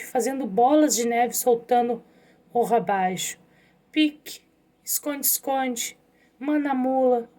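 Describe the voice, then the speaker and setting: High-voiced woman teaching. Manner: calm, patient, addresses pupils directly. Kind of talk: online lesson, reading a story aloud.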